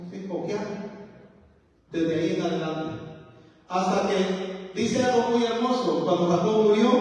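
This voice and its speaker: A man's voice: high voice, a little mellow. A man preaching as pastor, delivering a fervent sermon and tossing rhetorical questions to his congregation. He is recorded in a church. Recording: echoey church hall from far off.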